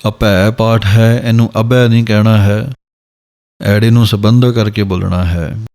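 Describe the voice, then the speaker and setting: A man teaching how to pronounce scripture, chanting verses slowly and then explaining each word. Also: fairly low pitch, fairly even intonation, dark tone. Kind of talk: scripture pronunciation lesson.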